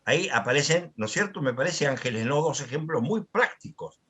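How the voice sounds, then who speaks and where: A man's voice: fairly high pitch, animated, fairly quick, fairly bright tone, slightly rough. An older man, giving a reflective, conversational lecture in a dialogue series.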